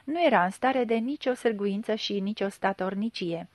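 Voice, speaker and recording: A woman's voice: medium pitch, no echo. Woman narrating a literary audiobook. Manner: measured, expressive storytelling.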